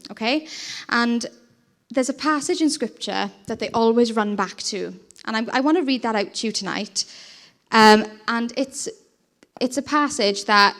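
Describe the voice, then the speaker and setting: Woman preaching, chatty and earnest, kinda high voice, gets really fired up. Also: fairly bright tone. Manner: earnest, conversational, rising to impassioned emphasis. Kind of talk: informal evangelistic talk.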